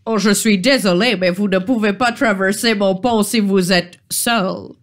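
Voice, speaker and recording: A woman's voice: mid-range voice, unhurried, close to an everyday voice. A woman voicing a prim, polite, well-dressed male troll who keeps a bridge in a tabletop game. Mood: fussy. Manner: fussy, formal and courteous.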